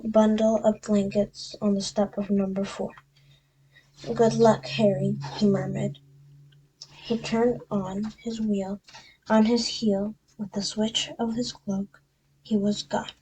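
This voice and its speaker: A woman reads a storybook aloud in a soft, half-whispered voice. She goes slowly and keeps a fairly flat, even line. She often stops to fix small slips. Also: mid-range voice, a little hiss or hum, rough recording. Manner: soft, half-whispered, with frequent self-corrections. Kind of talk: reading a book aloud.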